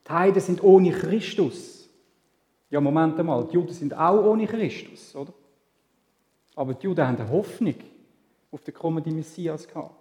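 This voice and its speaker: A man's voice: a little high, dark tone. A man with a Swiss German accent preaching a sermon in a conversational way, asking rhetorical questions. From Switzerland. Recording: echoey hall with long reverb.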